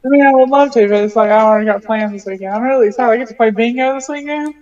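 A woman's voice: a little high, rapid-fire, a little mellow. A woman co-hosts a casual podcast and mostly answers in short, laid-back replies. Her voice comes from a distance off the mic. The sound is dull and muffled. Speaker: podcast co-host.

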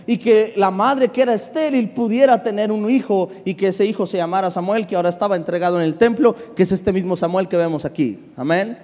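A man's voice: high-pitched, brisk, few pauses, mellow. A male pastor preaching a sermon, reading scripture verse by verse and asking the congregation questions that he answers himself. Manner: calls for congregational response. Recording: long reverb with faint music behind.

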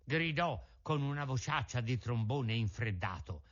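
A man from Italy reading a classic children's book aloud with lively, theatrical storytelling. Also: medium pitch, measured pace. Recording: dull lo-fi recording.

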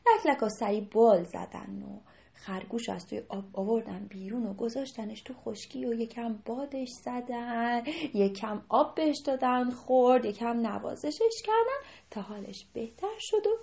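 High, mellow-voiced woman telling children's stories. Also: vocal fry. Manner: animated, talks directly to the children. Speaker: children's storyteller. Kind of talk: storytelling for children.

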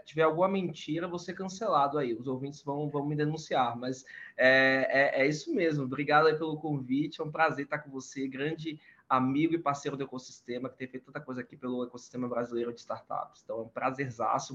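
A man's voice: mid-range voice, fairly even intonation, a little fast, fairly bright tone, highs cut off. A man in his thirties from Salvador, Brazil, talking as a podcast guest in a casual, hesitant way with many fillers and restarts. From Salvador, Bahia, Brazil. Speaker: guest, startup competition lead. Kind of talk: casual interview conversation.

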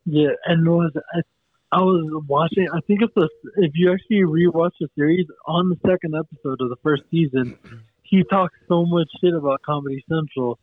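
A man joins the chat over a call, his voice muffled and closed-in like he's talking from inside a fishbowl. The line is thin and phone-like, with a slightly high pitch. He talks laid-back and swears freely. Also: brisk, no echo. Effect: muffled call audio, like a voice inside a fishbowl. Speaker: podcast co-host calling in. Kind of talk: casual chat. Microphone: remote call.

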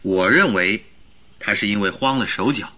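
A man's voice: fairly low pitch, normal speed, bright, forceful tone. A man playing an earnest, eager doctor and detective's companion in a radio drama, explaining with emphasis. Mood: earnest, reasoning. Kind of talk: Mandarin radio drama acting.

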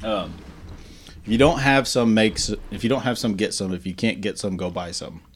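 A man's voice: lowish voice, normal speed, a little hiss or hum. A man co-hosting a casual podcast, joking and swearing as he tastes snacks. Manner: loud swings, joking, swearing, laughing. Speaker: podcast co-host. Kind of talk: casual chat while eating snacks.

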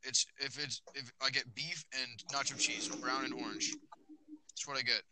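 A man's voice: medium pitch, fairly even intonation, normal speed, noisy background. A teenage boy hosting a casual podcast with friends, rambling with lots of fillers, recorded on a phone. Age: teens. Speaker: podcast host. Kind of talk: casual chat.

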